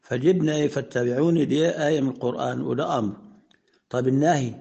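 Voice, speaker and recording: An Egyptian man teaching a grammar class in a gravelly voice of medium pitch. He talks to his students loosely and chattily, often tossing out a question and answering it himself. He lifts his voice when he quotes verses. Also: fast, mellow, muffled recording. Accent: Egyptian Arabic. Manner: conversational, asks questions and answers them himself; recites Quranic verses in a raised voice. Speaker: sheikh teaching Arabic grammar. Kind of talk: classroom lesson.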